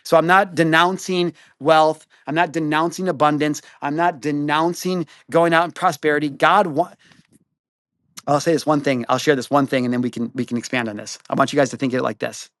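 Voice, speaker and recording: Young guy rattling off his faith story, kinda high voice, slangy, dry close sound. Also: fairly even intonation, a bit bright, dry recording. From Mexico. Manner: casual and conversational, slangy, fast bursts with restarts. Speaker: podcast guest sharing his faith testimony. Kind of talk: animated faith talk.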